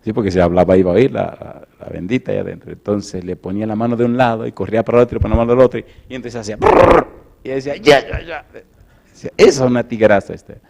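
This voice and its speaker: A middle-aged man preaching, swinging between loud emphatic lines and soft, hushed storytelling. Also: lowish voice, steady tone, very fast, gravelly. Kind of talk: sermon with personal storytelling.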